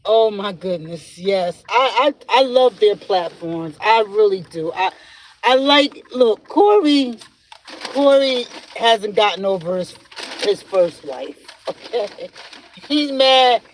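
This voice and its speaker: A woman's voice: mid-range voice, lively intonation, takes it slowly, low-quality recording. A woman hosting a podcast in a casual solo chat from her car. She talks while driving, rambles, and laughs often as she tells stories. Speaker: podcast host. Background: faint road and vehicle noise.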